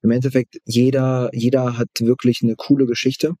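A man speaking casually as an interview guest, haltingly repeating phrases for emphasis. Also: medium pitch, little pitch movement, warm tone, dry recording. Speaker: guest expert in book marketing.

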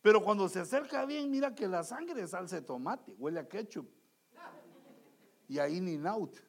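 A man's voice: high-pitched, moderate pace, vocal fry. A man preaching a sermon, acting out everyday scenes with quoted voices. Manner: animated, acts out quoted voices and dialogues.

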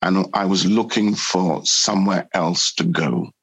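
A reflective man with a Geordie accent, speaking a little low and with a gravelly edge. He talks slowly and thoughtfully in an interview, circling back and repeating words while his husky voice looks for the right phrase. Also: steady tone, fairly bright tone, low-quality recording. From born in Trinidad, grew up in Newcastle. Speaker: interview guest, actor.

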